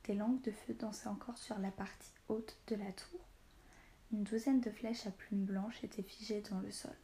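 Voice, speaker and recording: A woman narrating a story in a calm, measured reading voice. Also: mid-range voice.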